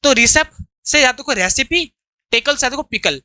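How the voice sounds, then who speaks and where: Indian male tutor, online vocab class, lively and bright, dry recording. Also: extremely high pitch, normal speed, no echo. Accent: Indian English. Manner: explains terms, has students repeat after him. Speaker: English teacher.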